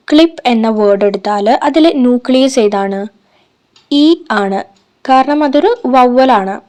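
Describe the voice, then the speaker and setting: Female teacher, fairly high voice, patient step-by-step explainer for a phonetics lesson. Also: darkish tone. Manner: explains step by step, mixing in English terms, syllables spelled out slowly. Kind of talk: recorded phonetics lecture.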